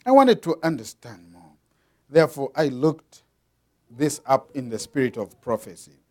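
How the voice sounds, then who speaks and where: A man from Zambia preaching a sermon, explaining patiently to the congregation and reading aloud with dramatic swings in loudness. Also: medium pitch, very animated, normal speed.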